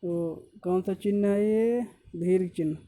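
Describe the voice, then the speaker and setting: A man's voice: high voice, measured pace, dark tone. A male teacher giving an exam-prep grammar lesson, repeating points and correcting himself often as he explains step by step.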